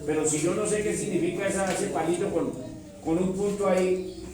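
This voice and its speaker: A man's voice: high-pitched, fairly even intonation, normal speed. A man, a pastor teaching a Bible seminar to his congregation in a chatty, teasing way. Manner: chatty, teasing, addresses listeners as "mis amores". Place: church hall with audience. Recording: echoey hall, mic from far off, crowd.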